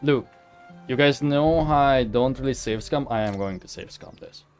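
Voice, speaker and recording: A gaming video host gives casual, rambling commentary over a game playthrough, speaking informally and often correcting himself. He has a mid-range voice at normal speed, with faint music in the background.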